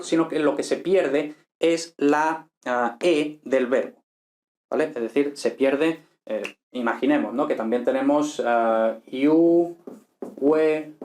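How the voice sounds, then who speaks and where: A man's voice: on the high side, darkish tone. A man teaching a Latin class, thinking aloud and checking in with frequent tag questions. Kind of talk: informal recorded lecture. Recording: echoey room.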